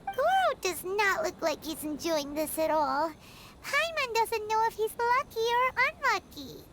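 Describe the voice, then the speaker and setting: A woman voicing a tiny, childlike, cheeky and encouraging female companion in a video game, squeaky and exclamatory. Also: sing-song, measured pace, noisy background, full character voice. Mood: amused. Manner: squeaky, exclamatory, third-person self-reference.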